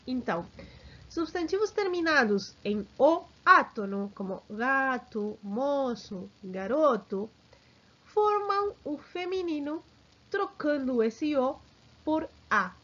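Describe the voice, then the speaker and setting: A woman teaching a grammar lesson, speaking slowly and deliberately and often checking in with her students. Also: sits high, big pitch swings, bright, forceful tone. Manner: slow and deliberate, checks in with frequent "sim?". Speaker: language teacher. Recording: dull lo-fi recording.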